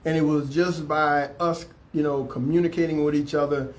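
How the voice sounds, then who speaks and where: A man's voice: on the high side, level tone, normal speed. A man with a drawl hosts a casual talk show in a slightly raised voice. He affirms his guest readily and tends to repeat words as he talks. A faint noise sits under the recording. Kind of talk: casual interview chat.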